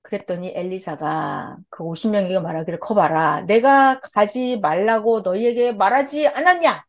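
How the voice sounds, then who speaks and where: A woman's voice: medium pitch, normal speed. A woman preacher retelling a Bible story in a sermon and acting out the characters' lines. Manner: acts out the characters' lines in lively voices. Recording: dull lo-fi recording.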